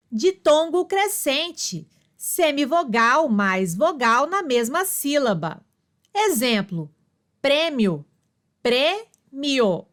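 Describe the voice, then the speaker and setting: A woman teaching a grammar lesson at a very slow, deliberate pace, breaking words into syllables. Her voice sits a little high and moves a lot in pitch from word to word. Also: a bit bright.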